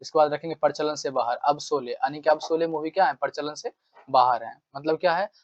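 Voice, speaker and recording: In a repetitive exam-prep vocabulary class, a man keeps drilling the same phrases and acts out angry demands to make his points. He speaks on the high side and a little fast, in lo-fi audio without echo.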